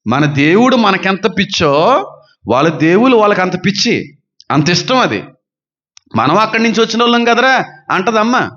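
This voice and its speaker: A fervent male pastor preaches, firing rhetorical questions and swinging from loud to soft. His voice sits a little high. The recording is dull and lo-fi. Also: very animated. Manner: says he talks fast and gives quick counters. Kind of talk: preaching sermon. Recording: dull lo-fi sound.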